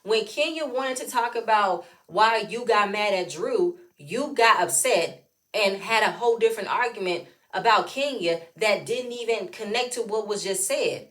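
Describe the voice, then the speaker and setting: A woman's voice: mid-range voice, expressive, normal speed, fairly bright tone. A woman giving a blunt, exasperated reality TV review, firing off rhetorical questions in casual speech. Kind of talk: opinionated recap rant.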